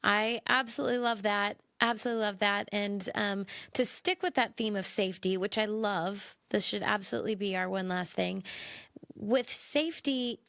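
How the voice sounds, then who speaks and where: A hoarse woman co-hosting a podcast, talking earnestly and reflectively in casual chat. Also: mid-range voice, moderate pace, fairly bright tone, no echo, clean studio sound. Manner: reflective, earnest wrap-up talk. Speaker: podcast co-host.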